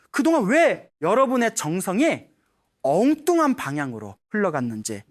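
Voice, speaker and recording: A man, presented as a Buddhist monk, gives scripted spiritual advice, coaxing and persuasive, speaking straight to the listeners. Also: high-pitched. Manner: lively, swooping intonation.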